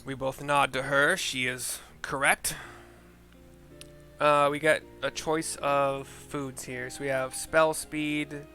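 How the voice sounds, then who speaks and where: Reading the game's narration aloud, a man gives relaxed commentary on his playthrough over music, muttering asides and spelling names. His medium-pitched voice is pushed and bright, level in tone, and slow.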